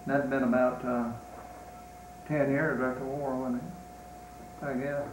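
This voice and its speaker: Slow elderly Southern veteran, remembering. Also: male voice, mid-range voice, little pitch movement. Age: 80s or older. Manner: old veteran remembering, halting, with long pauses. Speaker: war veteran being interviewed. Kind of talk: unscripted reminiscence in an interview. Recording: roomy, distant mic, faint noise.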